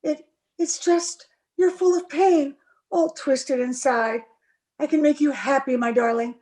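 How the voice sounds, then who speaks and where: A woman speaks slowly in a high, mellow voice as a heartsick, unhappy young bride in a gothic radio drama. She pleads emotionally, acting in the theatrical fashion of old radio.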